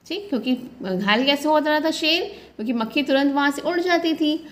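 A woman's voice: high-pitched, lively intonation, a little fast. Woman teacher retelling a story to kids. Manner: explains each line again and asks the class questions. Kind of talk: storytelling lesson, reading a textbook to children.

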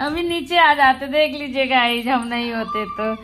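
Woman, family vlogger, casual home narration, playful baby talk, slow delivery, bright tone. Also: high voice, a little hiss or hum, rough recording.

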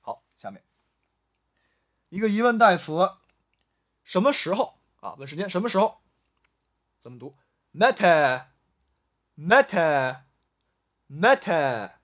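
A man teaching a vocabulary lesson, drilling each word slowly and repeating it several times, with frequent drawn-out "ah" fillers. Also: high-pitched, sing-song. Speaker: Arabic language teacher.

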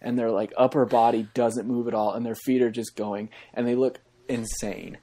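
A man guest-hosting a casual podcast chat, joking in a dry, deadpan way. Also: medium pitch, moderate pace, a little hiss or hum. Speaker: guest host.

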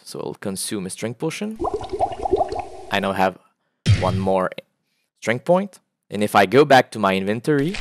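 Low-voiced man demoing his game. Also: a little hiss or hum. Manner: relaxed, with frequent "uh" fillers. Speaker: indie game developer. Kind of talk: casual gameplay walkthrough.

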